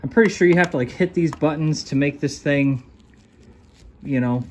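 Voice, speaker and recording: A man's voice: a little high, normal speed, darkish tone. A man casually narrating his own restoration work in a driveway and a garage workshop, thinking aloud in a folksy, rambling way while he films on a handheld phone. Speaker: restoration video host.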